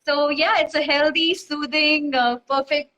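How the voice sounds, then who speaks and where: A woman's voice: sits high, steady tone, unhurried, bright, forceful tone. A woman from Dubai, a guest in casual chat, talking in a rambling, bubbly way full of fillers and restarts. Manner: rambling, bubbly, many fillers and self-corrections.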